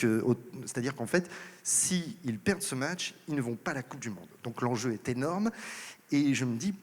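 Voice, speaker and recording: A male comedian telling a lively story to an audience on stage, acting out the voices of the people in it. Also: medium pitch. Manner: lively anecdote telling, acts out quoted voices. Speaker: comedian and impressionist. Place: large concert hall stage. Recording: live hall reverb. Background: audience laughter.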